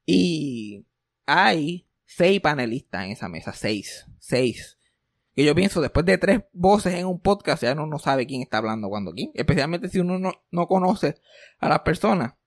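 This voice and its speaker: High-voiced sarcastic man. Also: normal speed, dry recording, clean studio sound. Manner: sarcastic, animated storytelling with English words mixed in. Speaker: podcast co-host. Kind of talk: casual chat.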